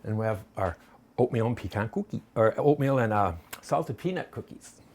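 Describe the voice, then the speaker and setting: A man's voice: lowish voice, animated, moderate pace, a little mellow, a little hiss or hum. A man casually demonstrating a recipe in his home kitchen, chatty and folksy, rambling between steps. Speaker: home cooking vlogger.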